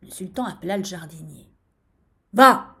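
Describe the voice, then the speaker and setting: Lively, slow woman reading a tale. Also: mid-range voice. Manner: lively, expressive read-aloud. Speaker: storyteller. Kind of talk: storybook reading.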